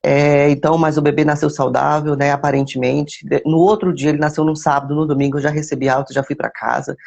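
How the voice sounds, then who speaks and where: A woman with a gravelly, creaky edge tells a personal faith testimony in casual storytelling fashion. She circles back over words and phrases to stress them. Now and then she greets her live viewers by name. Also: low voice, flat delivery, fast, darkish tone. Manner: repeats words and phrases for emphasis.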